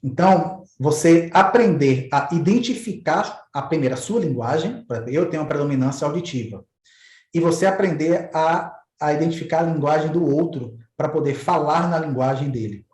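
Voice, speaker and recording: A man's voice: a little high, normal speed, a little mellow. A man hosting a talk, explaining ideas in a casual, conversational way and illustrating them with little stories, often repeating words as he searches for them. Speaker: host explaining neuro-linguistic programming. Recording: roomy echoey recording.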